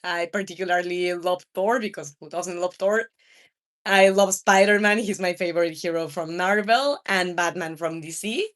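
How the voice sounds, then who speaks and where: This livestream host, a woman in her thirties from Mexico, chats easily with viewers of her game stream in a Mexican-accented voice, her native language being Spanish. She speaks at a moderate pace in a low, slightly bright register.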